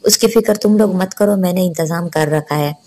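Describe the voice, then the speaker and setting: A woman's voice: on the low side, normal speed, a little mellow, lightly acted. Woman voicing a stern protective brother. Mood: firm. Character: stern protective young man, elder brother.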